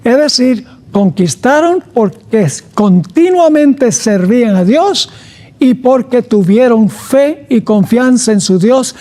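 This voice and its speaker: A man's voice: extremely high pitch, warm tone. A middle-aged male pastor giving a sermon, reading scripture aloud and stopping often to comment and stress key words.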